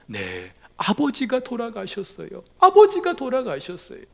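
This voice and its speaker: A male pastor voicing a middle-aged woman in mourning who earnestly rebukes her husband, speaking in a pleading voice that climbs to high emphatic questions. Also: wildly swooping pitch, normal speed, gravelly, fairly bright tone, exaggerated voice. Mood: mournful. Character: reformer's grieving wife, middle-aged woman, earnest and reproachful.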